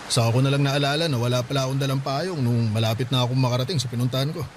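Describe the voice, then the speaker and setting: In a radio drama, an actor voices a gentle, hardworking widowed father in his mid-forties, speaking tenderly and reassuringly. His voice sits in the mid range and comes out very fast. It sounds natural, with a little hiss or hum in the recording.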